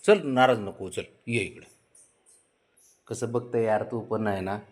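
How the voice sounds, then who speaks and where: A man's voice: lowish voice, a little slow, a crowd in the background. An older man, the grandfather, coaxing and babying the family cat in a casual home video.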